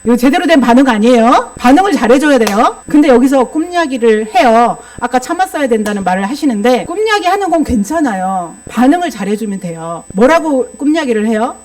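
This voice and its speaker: A woman's voice: a little high, animated, a little fast, hardly any pauses, darkish tone. A woman preaching a sermon that mixes in psychology teaching, explaining patiently and often asking the congregation rhetorical questions.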